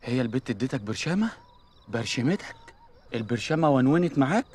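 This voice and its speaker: A man's voice: mid-range voice, big pitch swings, quick pace, a little mellow, slight background noise, natural voice. An actor playing a sarcastic man who teases his panicked friend, speaking with an Egyptian accent. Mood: mocking. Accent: Egyptian Arabic. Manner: sarcastic, teasing, jokey. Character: mocking, teasing man named Abbas, always joking. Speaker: friend at a crime scene. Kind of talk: Egyptian TV comedy acting.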